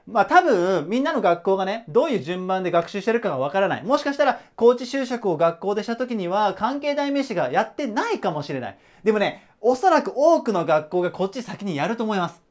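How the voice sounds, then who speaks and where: A man's voice: high voice, very animated, quick pace. A man teaching an English grammar lesson at a whiteboard in a casual, chatty way, checking in with rhetorical questions.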